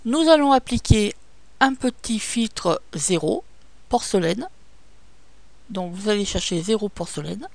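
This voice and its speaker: A woman presents a screen-recorded photo-editing tutorial, guiding viewers step by step and leaning often on fillers. Her animated, mid-pitched voice carries a gravelly fry, captured close and dry with no room sound or echo.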